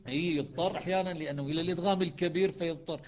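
A man's voice: on the high side, steady tone. Male Quran teacher, muffled recording. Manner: explains step by step, breaks into slow chanted recitation. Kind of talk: classroom lesson on Quranic readings.

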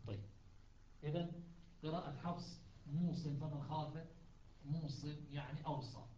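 A man's voice: fairly high pitch, fairly even intonation, moderate pace, dark tone, slight background noise. Man teaching a class, muffled recording. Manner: explanatory, repeats words and checks students understand. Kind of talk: classroom lesson on Quran recitations.

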